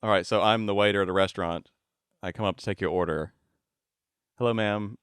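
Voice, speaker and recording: A man's voice: low voice, steady tone, fast, a bit bright, smooth, no room sound, studio quality. A man hosting a podcast interview, friendly and teasing, laughing along with his guest. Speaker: podcast host.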